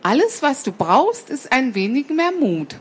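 A woman's voice: sits high, sing-song, a little slow, breathy edge, voice pushed up, full character voice. A woman reading a children's story aloud and voicing an encouraging mother sparrow.

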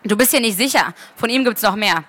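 A woman's voice: mid-range voice, fairly quick, fairly bright tone, no room sound, natural voice. A woman reading aloud at a book fair, voicing a serious, impatient young man with a dry, matter-of-fact manner.

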